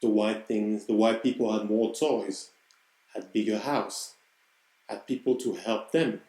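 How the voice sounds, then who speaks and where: A man's voice: lowish voice, fairly even intonation, unhurried, warm tone. A man in his thirties from Cameroon hosting a podcast, talking earnestly and reflectively in a personal monologue and searching for his words. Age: 30s. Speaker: podcast host. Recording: roomy, echoey room.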